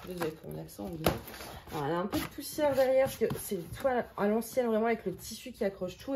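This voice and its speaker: At home, a crafting vlogger sorts craft canvases while chatting casually with her viewers, thinking out loud and poking fun at herself. Her voice is a little high, and there's background noise.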